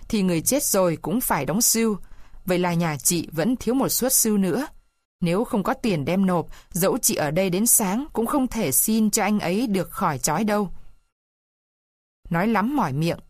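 A woman's voice: mid-range voice, a little mellow, no room sound, studio quality, lightly acted. A woman voicing sympathetic male fellow prisoners who pity and advise, in a storybook reading. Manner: pitying, advising.

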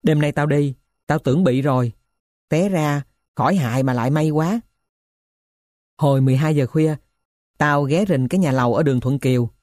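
A woman voicing a poor middle-aged male thief who tells his story in a rough, blunt way. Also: low voice, normal speed, long pauses, darkish tone, no room sound, studio quality, natural voice. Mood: gruff.

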